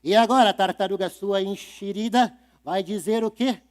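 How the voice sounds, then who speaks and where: A man with a Brazilian Portuguese accent voicing a bossy, nasty wicked witch in a live told story, loud and insistent. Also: high voice, natural voice. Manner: loud, insistent, rapid tongue-twister lists.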